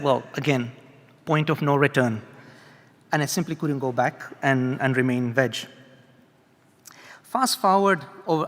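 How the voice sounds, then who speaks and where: A middle-aged man from Peru giving an earnest personal testimony, halting with frequent restarts. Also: a little high, a bit bright. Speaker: speaker at a festival. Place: large hall. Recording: long hall reverb.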